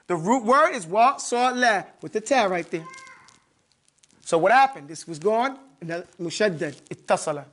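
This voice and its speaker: A man's voice: extremely high pitch, a bit bright. A man teaching an Arabic grammar lesson in a mosque classroom, quizzing his students and drilling terms by repeating them.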